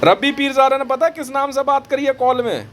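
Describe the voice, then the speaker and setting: A man with an unusually high voice recounts a dramatic story in a lively monologue. He sounds boastful and acts out the dialogue as he tells it. A faint noise sits behind him. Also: a little fast. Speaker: vlogger recounting phone calls.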